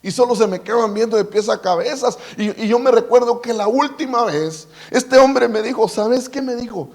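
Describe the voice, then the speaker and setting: High-voiced preacher. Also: male voice, moderate pace. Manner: storytelling with many repetitions and restarts. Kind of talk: sermon testimony.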